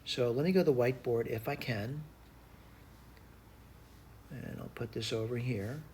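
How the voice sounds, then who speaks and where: A man's voice: mid-range voice, a little slow, a little mellow. Man thinking aloud through math, noisy recording. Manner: hesitant, self-talking, repeats and spells out steps. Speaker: math tutor. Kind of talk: informal worked-problem lesson, thinking aloud. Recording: clear background noise.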